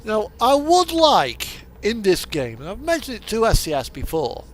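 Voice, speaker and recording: A man with a high-pitched voice and huge swings in pitch talks at a moderate pace, hosting a truck simulator video. He rambles casually and hesitantly about the gameplay, meandering as radio music and the game's sounds play underneath.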